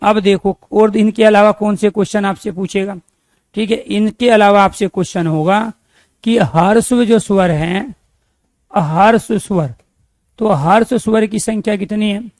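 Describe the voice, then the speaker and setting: A man's voice: high voice, unhurried, a little mellow, dry recording, studio quality. A man teaching a grammar lesson, asking questions and answering them himself, repeating key terms so they stick.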